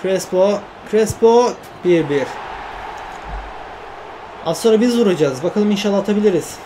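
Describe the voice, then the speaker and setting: Excitable man commenting on a football game. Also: sits high, moderate pace, noisy background. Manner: excitable, shouts at his teammates, groans when things go wrong. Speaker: gaming YouTuber. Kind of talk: live commentary over a football video game career.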